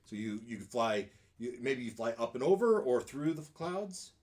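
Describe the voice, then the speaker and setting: A man working as game master, narrating a tabletop game in a halting, conversational way. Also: mid-range voice, sing-song, darkish tone.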